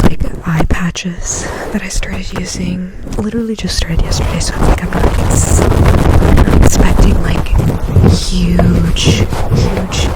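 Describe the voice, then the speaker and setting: A woman's voice: lowish voice, low-quality recording. Whispering, slightly nasal woman doing aggressive ASMR. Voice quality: slightly nasal from a recent cold. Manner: rambling, chatty asides to the listener. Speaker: ASMR creator. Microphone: close ASMR microphone. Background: scratching on the mic cover.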